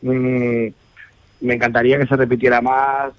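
A man's voice: medium pitch, level tone, normal speed, dry recording. A man, chatting casually in a radio interview with many fillers and restarts. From Spain, La Mancha. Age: 30s. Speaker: DJ and festival ambassador. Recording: muffled radio broadcast.

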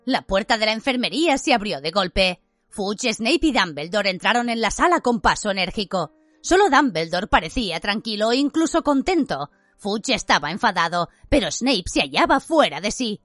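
A woman narrating an audiobook in a lively storytelling manner. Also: mid-range voice, moderate pace, no echo, clean studio sound, faint music behind. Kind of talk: audiobook reading.

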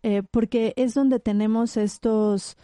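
Woman expert explaining things, very dark mellow voice, dry close sound. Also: a little high, slow pace, dry recording. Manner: animated, explains with acted-out examples. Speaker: psychologist guest. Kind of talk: conversational expert interview.

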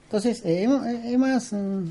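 This guest is a middle-aged man from Peru who makes costumes and props, chatting loosely in an interview with many fillers and false starts. He has a Peruvian Spanish accent and a high voice with a dark tone, and he speaks slowly.

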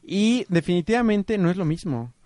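A man with a Mexican accent hosting a casual, joking chat, breaking into loud impressions. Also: high-pitched, expressive, moderate pace, no echo. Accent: Mexican Spanish.

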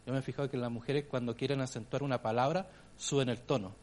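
A man with a Chilean accent preaching a sermon as pastor, swinging between loud emphatic phrases and hushed ones. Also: medium pitch, fairly even intonation, fast.

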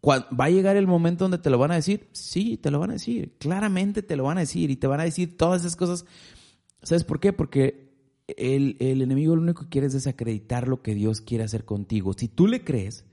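A man's voice: fairly high pitch, brisk, creaky. A man hosting a casual faith chat, telling stories and acting out quotes. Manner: animated storyteller, acts out quotes.

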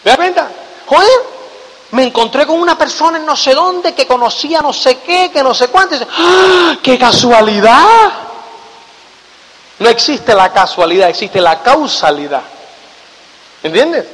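Guy with a really high voice doing a motivational talk, keeps going "you get it?", echoey hall. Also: normal speed. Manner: animated, keeps asking "do you get it?" tag questions. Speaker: motivational speaker.

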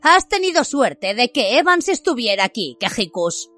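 A cocky teenage wizard boy, all swagger, tossing out taunts in a lively voice that jumps around, as a woman storyteller puts him on. The recording is close and dry. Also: a little high, normal speed, no echo, faint music behind. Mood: arrogant.

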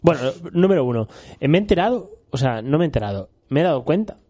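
A man's voice: fairly high pitch, very animated, fast talker, dark tone. A young man from Spain, co-hosting a casual chat and telling a rambling story, often laughing and saying "tío". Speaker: co-host.

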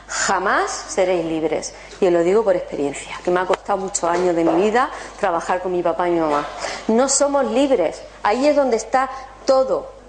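A woman giving an animated motivational talk to an audience, asking them rhetorical questions. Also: mid-range voice, slight background noise. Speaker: spiritual workshop speaker.

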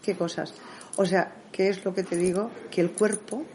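A middle-aged woman, an interview guest, telling stories in a lively way and acting out what people said. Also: mid-range voice, moderate pace, a little hiss or hum. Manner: animated storyteller who acts out dialogue. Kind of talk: conversational interview.

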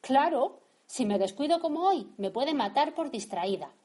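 A woman's voice: high-pitched, animated, moderate pace, darkish tone, voice pushed up. Woman reading as a flustered young mother. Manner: breathless, exclaiming.

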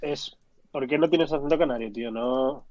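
A man from in a casual chat, relaxed and teasing, repeating words. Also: medium pitch, moderate pace, highs cut off, over a noisy crowd.

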